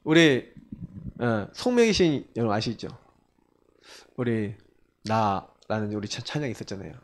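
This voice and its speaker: A pastor from South Korea preaching a sermon in church, swinging between rising exhortation and hushed, low quoted lines. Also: male voice, measured pace. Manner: animated preaching, quoting figures in a hushed low voice. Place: church sanctuary.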